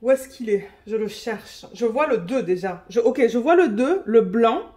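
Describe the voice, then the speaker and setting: A woman vlogging an unboxing in a quick, chatty way, reading out color numbers at home. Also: fairly high pitch, lively intonation, dark tone. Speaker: diamond painting vlogger. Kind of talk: casual unboxing chat.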